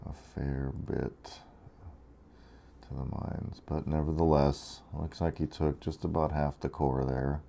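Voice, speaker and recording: A man's voice: extremely low pitch, little pitch movement, slow, creaky, mellow, slight background noise. A tired man giving laid-back, rambling commentary over a strategy game, with frequent fillers. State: tired after being awake 23 hours. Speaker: gameplay commentator.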